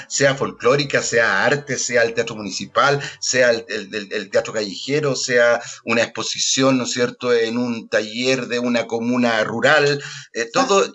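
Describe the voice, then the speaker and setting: A man's voice: mid-range voice, bright, forceful tone. A middle-aged Chilean man, a theater actor and director, talking earnestly in an interview and often tagging his points with a questioning "ah?". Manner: earnest, keeps adding questioning tags. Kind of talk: reflective interview talk.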